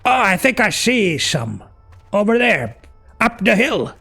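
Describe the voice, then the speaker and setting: Playful man with a gravelly voice. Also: high-pitched, big pitch swings, unhurried, sharp tone, soft background music. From Finland. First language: Finnish. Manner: joking, playful, teasing. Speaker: streamer. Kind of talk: casual live game chat.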